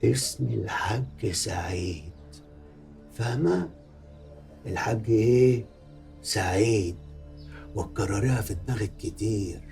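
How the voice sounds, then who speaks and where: Fairly low in pitch, with vocal fry and a darkish tone, this man's voice belongs to an actor with an Egyptian accent. In a film drama he portrays a middle-aged schemer who talks piously while threatening his former lover, sounding sanctimonious and menacing and leaning heavily on religious expressions.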